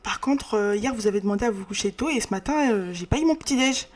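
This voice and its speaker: A woman's voice: medium pitch, lively intonation, fast talker, natural voice. A woman voicing a stern lady of the house who curtly scolds her cook. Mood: reproachful. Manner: scolding, curt.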